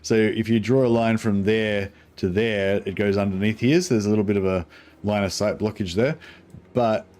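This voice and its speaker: A man's voice: on the low side, fairly even intonation, normal speed, darkish tone. A man with a broad New Zealand accent giving casual gameplay commentary in a laid-back, sweary, rambling way. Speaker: gaming streamer.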